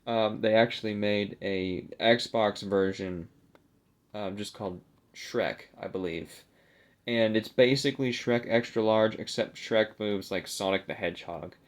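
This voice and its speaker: A young adult man with a lowish voice chats unhurriedly and off the cuff for a video, showing off a collectible. His talk rambles and hesitates, and he is self-deprecating throughout this casual vlog.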